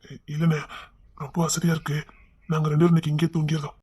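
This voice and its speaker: An actor voicing a gentle young husband and father in a cartoon web series, with a Kanyakumari Tamil accent and a soft, hushed delivery. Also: fairly high pitch, completely flat delivery, quick pace, background noise, lightly acted. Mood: evasive. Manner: soft, tender, often hushed.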